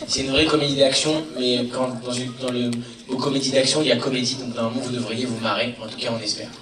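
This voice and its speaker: At a film premiere in a big cinema auditorium, a male comedian talks fast at a medium pitch that barely moves, playfully teasing and addressing the crowd head-on. The recording is distant and echoey, with the audience loud around him.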